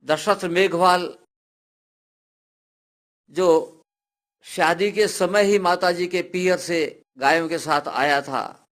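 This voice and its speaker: A man telling a devotional folk tale. He narrates dramatically and builds up to loud, cried-out passages. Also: sits high, steady tone, slow pace, pauses often. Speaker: storyteller.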